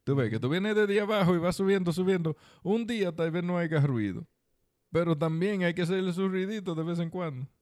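A man's voice: sits high, animated, a little fast, a little mellow, no echo, clean studio sound. A man with a Dominican accent co-hosting a podcast, chatting casually in slangy speech and repeating phrases for emphasis as he gives advice. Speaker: podcast co-host. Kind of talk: casual conversational chat with advice to listeners.

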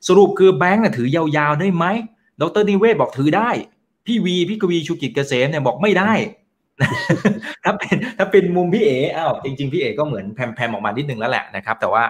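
A man hosting an interview, chatty and lively as he relays viewers' questions. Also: a little high, fast. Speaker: host.

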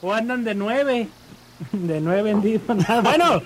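A man's voice: sits high, expressive, slow pace, noisy background. A man hosting a morning radio show, jokey and laughing often. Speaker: radio host.

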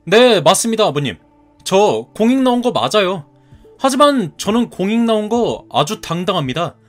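A man's voice: high voice, sing-song, normal speed, faint music behind. A man in his thirties voicing a polite but stubborn young groom-to-be who answers back in a cartoon story. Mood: pleading. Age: 30s. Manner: polite, defiant retorts.

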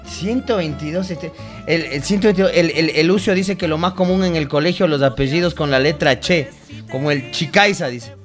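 A man's voice: fairly high pitch, normal speed, soft background music. A man co-hosting a radio show, a playful storyteller who acts out little scenes in casual banter. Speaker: radio co-host.

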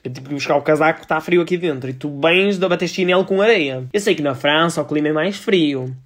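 A man in his twenties with a European Portuguese accent, hosting a solo podcast and telling shop stories in a sassy, animated way. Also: on the high side, brisk. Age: 20s. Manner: sassy, animated storytelling with playful asides. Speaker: podcast host; retail shop worker. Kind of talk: casual solo podcast monologue.

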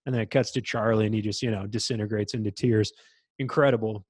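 A man's voice: steady tone, fast talker, dry recording. A young man co-hosting a podcast, chatting casually and with enthusiasm about a movie, acting out lines from it. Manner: enthusiastic, acts out quotes in high voices. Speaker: podcast co-host.

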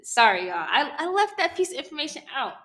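A woman's voice: high-pitched, sing-song, fast talker, pushed and bright. Young woman in rambling faith chat. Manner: rambling, self-correcting, laughs often. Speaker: podcast co-host.

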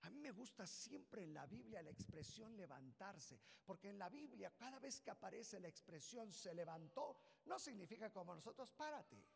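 Preacher guy, high gravelly voice, yells then gets quiet, acts out the characters, long echo like a big church hall. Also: lively intonation, normal speed, hardly any pauses. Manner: impassioned, swings from shouting to low intimate asides; acts out the people in the story with put-on voices. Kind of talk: sermon.

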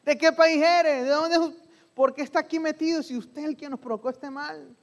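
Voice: sits high, steady tone, lo-fi sound, pitched above the performer's own voice. A preacher voicing angry sailors firing questions. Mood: accusing. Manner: rapid accusing questions. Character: angry frightened sailors interrogating a stranger.

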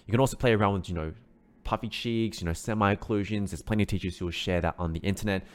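A male vocal coach runs an online singing lesson, walking through the steps encouragingly and often checking in with "right?". He talks fast in a lowish voice.

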